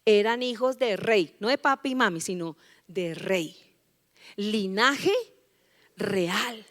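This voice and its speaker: A woman's voice: medium pitch, slow, fairly bright tone. A woman pastor preaching a rousing sermon, firing rhetorical questions and leading the congregation in call-and-response. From Colombia. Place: large church hall. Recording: church hall reverb.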